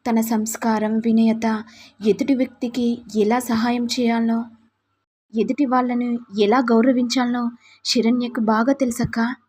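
A firm, loyal mother-in-law standing up for her daughter-in-law, voiced by a woman narrator. High, husky and dark-toned, she speaks with earnest conviction in a spoken family drama retelling. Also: little pitch movement, measured pace, pauses often. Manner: earnest, defending.

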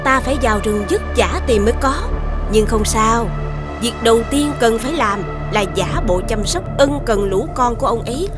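A woman's voice: on the high side, close to an everyday voice. A woman voicing a scheming witch stepmother. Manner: sly, commanding. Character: scheming female witch posing as queen's sister. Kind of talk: cartoon dubbing.

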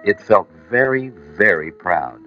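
A man narrating a children's storybook in a slow, expressive reading voice. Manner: slow, expressive reading with lively, rising and falling pitch. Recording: muffled old vinyl record with music.

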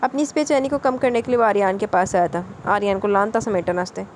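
A woman narrating a romance novel audiobook in a brisk, dramatic reading. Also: mid-range voice, a little mellow, a little hiss or hum.

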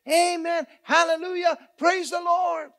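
A male preacher voicing a poor, sweet older churchwoman who shouts her praise or hushes herself, pitched high above his usual voice. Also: flat delivery, measured pace, vocal fry, exaggerated voice. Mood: ecstatic. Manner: shouting ecstatic praise, then hushed self-restraint.

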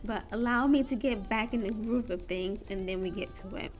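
Chatty woman vlogging over soft music. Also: mid-range voice, moderate pace. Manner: chatty, rambling with many fillers and restarts. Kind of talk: casual chat. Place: living room at home.

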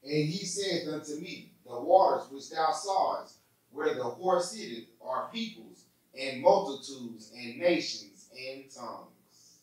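A man reading scripture aloud in a measured, deliberate way in a church. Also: on the high side, lively intonation. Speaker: scripture reader. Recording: roomy church echo, distant from mic.

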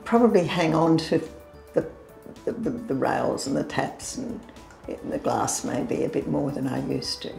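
An older woman with a low, gravelly, dark voice talks hesitantly, restarting words as she answers. She is recorded in an echoey tiled bathroom. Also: lively intonation, unhurried, faint music behind. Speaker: client in a home assessment. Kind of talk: acted training scenario, conversational. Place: small tiled bathroom in a home.

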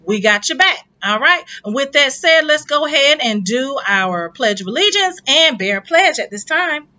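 Bright peppy lady doing morning announcements over a dull lo-fi school intercom. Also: high voice, lively intonation, normal speed. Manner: upbeat, encouraging, warm sign-offs. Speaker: assistant principal.

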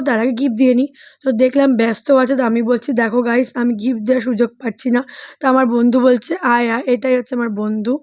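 A woman's voice: fairly high pitch, darkish tone, no echo, clean studio sound. A young woman from vlogging in a chatty, rambling way with many fillers. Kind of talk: casual vlog voice-over.

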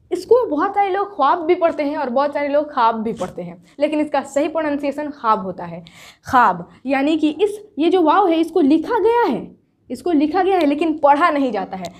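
A woman teacher explaining a grammar lesson to her students, asking questions and answering them herself, and repeating example words slowly. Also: sits high.

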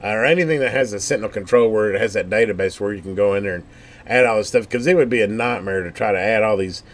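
A scanner hobbyist talks fast in a fairly low voice during an unscripted product overview, meandering in a folksy manner and thinking out loud as he demonstrates.

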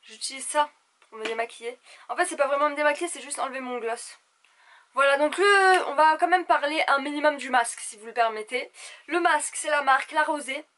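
A young woman with a high voice, gossiping to the camera like she would with her girlfriends. Her delivery is animated and theatrical, in a casual vlog chat style. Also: a little fast. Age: young adult. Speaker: beauty vlogger. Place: small indoor room at home.

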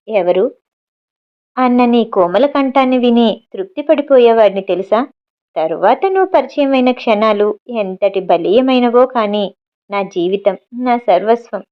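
A woman's voice: on the high side, dull audio, lightly acted. Woman reading a teasing young male lover. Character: young man, playful and secretive lover.

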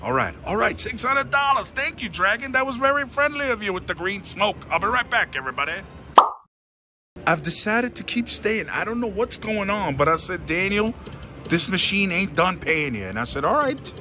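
A man giving casual, excited, theatrical commentary as he gambles, repeating phrases pleadingly and addressing his viewers. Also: sits high, normal speed, very noisy. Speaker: slot machine gambling vlogger. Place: busy casino floor at a slot machine. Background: slot machine music.

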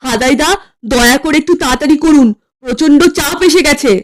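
A woman's voice: high voice, brisk, close to an everyday voice. A woman voicing a harried young cartoon husband who talks in an urgent, pleading way. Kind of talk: comic cartoon voice acting.

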